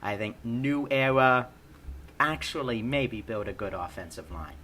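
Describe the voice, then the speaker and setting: A man's voice: medium pitch, unhurried, bright, forceful tone. A man co-hosting a casual sports podcast, stammering and repeating words as he talks.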